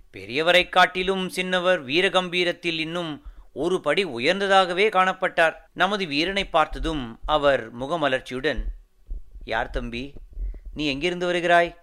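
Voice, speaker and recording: A male narrator reading a historical novel aloud, measured and formal. His voice is bright and crisp, and a little higher than most men's.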